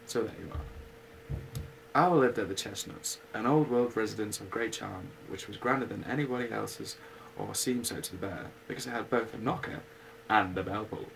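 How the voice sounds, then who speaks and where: A man reading a bedtime story aloud at an unhurried pace, with casual asides. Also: on the low side, vocal fry, a bit bright, a little hiss or hum, poor audio. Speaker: reader.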